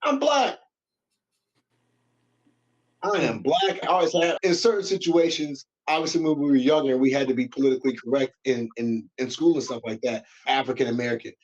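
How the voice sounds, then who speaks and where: A man's voice: mid-range voice, fairly quick, muffled recording. A man in his fifties co-hosting a casual podcast, emphatic and slangy, repeating points for weight. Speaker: podcast co-host.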